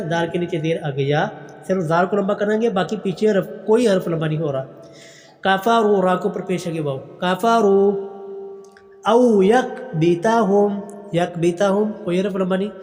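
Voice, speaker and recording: A man teaching Quran recitation online. He chants each verse slowly and drawn out, then explains the pronunciation rules quickly and more softly. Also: high voice. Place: online class recording. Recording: long reverb with faint music.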